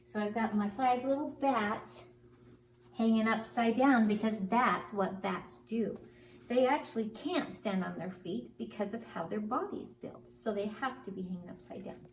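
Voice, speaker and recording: A woman telling stories to young children in an animated story-time style. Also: a little high, moderate pace. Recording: roomy, distant mic, faint noise.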